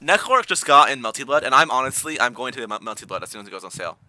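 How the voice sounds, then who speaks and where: A man's voice: medium pitch, sing-song, very fast, bright, forceful tone, no room sound. A man co-hosting a casual podcast chat with friends, rambling and restarting his sentences often. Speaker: podcast co-host.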